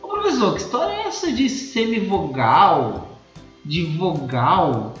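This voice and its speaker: A man's voice: high voice, very animated, slow pace, fairly bright tone, echoey room, distant mic, muffled recording, faint music behind, heavily acted. A man voicing an imagined curious student who puzzles over the lesson and questions the teacher. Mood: puzzled.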